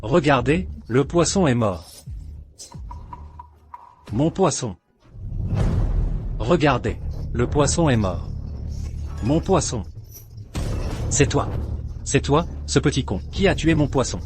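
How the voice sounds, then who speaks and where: An actor dubbing an excitable, quick-tempered fish owner who talks loudly, over music. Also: male voice, mid-range voice. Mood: distraught. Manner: excitable, loud. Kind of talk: French dub of a drama. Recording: clear background music.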